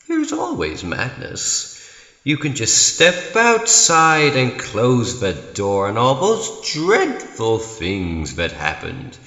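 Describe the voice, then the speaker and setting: Manic clown supervillain: taunting, theatrical, slow and swinging wildly in pitch, in a reverberant room. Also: male voice, sharp tone, exaggerated voice. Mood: unhinged, coaxing. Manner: taunting, swooping, drawn-out delivery with cackles. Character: manic, mocking male comic-book supervillain clown. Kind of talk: theatrical villain monologue recital. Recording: echoey room with long reverb.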